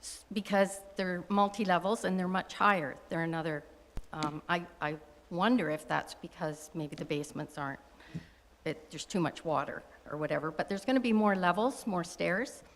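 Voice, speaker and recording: A woman from Wasaga Beach, Ontario, speaks in a lower voice, conversational and full of restarts and small asides. Her words ring out with a long reverb in a council chamber. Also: moderate pace. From Wasaga Beach, Ontario, Canada. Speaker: resident speaking at public meeting. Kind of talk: public comment at council meeting.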